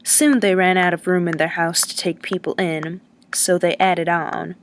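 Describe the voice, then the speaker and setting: A woman's voice: on the low side, flat delivery, normal speed, a little hiss or hum, close to an everyday voice. A woman reading the lines of a chatty, teasing male lodging-house keeper who rambles in a folksy way.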